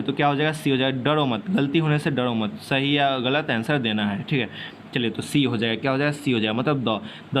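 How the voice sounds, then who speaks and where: Man teaching, urging quick answers. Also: medium pitch, a bit bright, a little hiss or hum. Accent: Bihari Hindi. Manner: quizzes students, urges quick answers, repeats questions; reads sentences slowly, word by word. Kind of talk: online exam-prep class.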